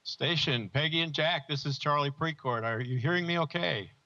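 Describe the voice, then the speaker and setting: A man's voice: on the high side, normal speed, bright, forceful tone. A man hosting an event on the ground, chatting in a friendly way over a thin space-to-ground radio link. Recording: muffled radio transmission.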